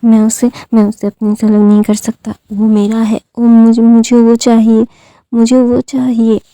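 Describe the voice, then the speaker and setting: A woman narrator puts on a frantic young man from a spoken fan story who keeps stammering and repeating himself. The voice is somewhat high for a man's part, very warm and dark, with a gravelly fry running through it. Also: monotone, measured pace, no room sound. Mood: desperate. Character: obsessive desperate young man pleading.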